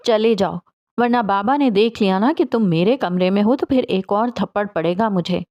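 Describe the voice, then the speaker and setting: A woman's voice: mid-range voice, muffled recording, lightly acted. A woman voicing a hurt young woman who snaps back through tears in an audiobook. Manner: sharp, wounded retorts. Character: bitter, tearful young woman.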